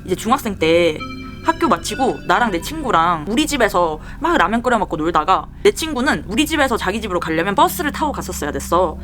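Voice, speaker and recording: 여성이 연기하는 생동감 있는 썰 푸는 젊은 여자. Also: female voice, mid-range voice. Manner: lively, mimics the people in her story. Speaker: storyteller. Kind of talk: casual storytelling while doing makeup.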